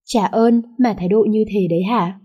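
A woman's voice: mid-range voice, normal speed, husky, muffled recording, close to an everyday voice. A woman voicing a cold, sulking young man who speaks curtly and sarcastically in a romance audiobook. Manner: curt, sarcastic.

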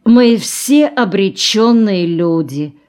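A woman's voice: mid-range voice, lively intonation, takes it slowly, a little mellow. A woman reading a blunt tired male geologist. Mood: brooding. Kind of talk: audiobook dialogue reading.

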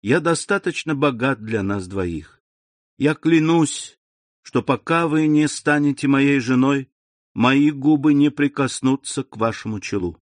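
A man's voice: mid-range voice, a little slow, no room sound, pitched above the performer's own voice, close to an everyday voice. Man reading ardent young suitor, insistent, close dry sound. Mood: earnest. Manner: earnest, insistent. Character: young man in love, proud and desperate.

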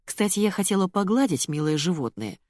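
A woman narrating a first-person audiobook with an expressive delivery. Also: lowish voice, fairly quick, no echo, clean studio sound.

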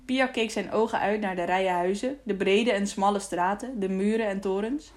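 Brief: female storybook narrator, even and clear. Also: medium pitch, moderate pace. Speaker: audiobook narrator. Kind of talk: audiobook narration.

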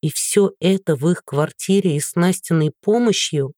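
A man reading a novel aloud in a steady, even storytelling manner. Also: high-pitched, normal speed, no echo, clean studio sound. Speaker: audiobook narrator. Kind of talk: scripted narration.

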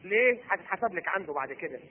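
A middle-aged Egyptian preacher talks very fast in a sharply high voice, acting out voices of husbands and wives. His voice is husky. The recording is thin and tinny, like a phone line. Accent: Egyptian Arabic. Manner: animated, acts out husband and wife voices. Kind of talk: Egyptian colloquial sermon.

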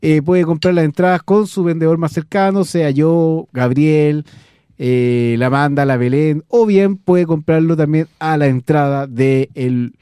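A Chilean man co-hosts a late-night community radio show, joking his way through banter and coaching his partner on a prank call. His voice sits a bit high but sounds mellow and dark. The studio sound is dry and close. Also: steady tone, unhurried, smooth, dry recording. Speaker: radio co-host.

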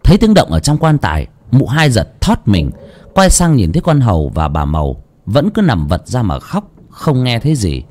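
A man's voice: mid-range voice, wildly swooping pitch, normal speed, a little mellow. A man narrating a village ghost story in a dramatic, suspenseful way.

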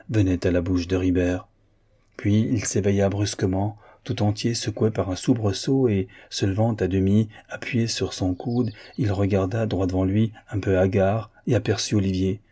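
Mellow husky male audiobook narrator. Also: lowish voice. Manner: measured, literary. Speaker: audiobook reader. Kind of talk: scripted narration of a novel.

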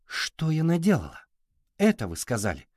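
A man's voice: a little high, huge pitch swings, moderate pace, a little mellow, dry recording, clean studio sound, pitched above the performer's own voice. A man voicing a determined young girl inventor who presses with eager questions.

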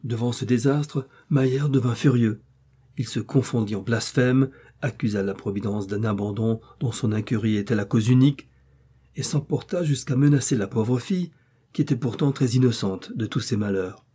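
A man reading an old moral tale aloud as a measured, literary narrator. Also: medium pitch, mellow, slightly rough. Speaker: audiobook narrator. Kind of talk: scripted narration.

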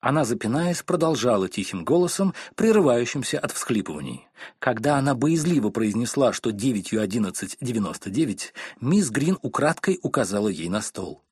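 A man reading an audiobook story as narrator, with expressive storytelling. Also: mid-range voice, fairly quick, slightly rough, dry recording. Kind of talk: scripted narration.

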